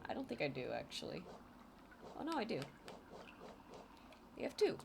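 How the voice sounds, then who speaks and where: A woman game streamer with a light Filipino accent talks at normal speed in a medium-pitched voice that swings hugely in pitch, with some vocal fry. She chats casually while gaming, laughs often, jokes at her own expense and reads chat aloud. Game music and background noise sit under her voice.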